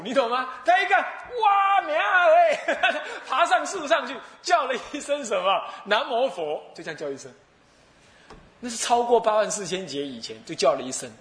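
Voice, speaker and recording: A man's voice: very high voice, pushed and bright, echoey room. A male Buddhist abbot with a Taiwanese Mandarin accent, preaching a sermon as a playful, laughing storyteller. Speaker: abbot and dharma teacher.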